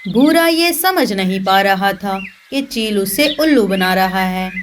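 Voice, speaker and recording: A woman's voice: mid-range voice, lively intonation, measured pace, slight background noise. A woman narrator reading a scripted cartoon story. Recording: constant birdsong and clicks behind voice. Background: birdsong.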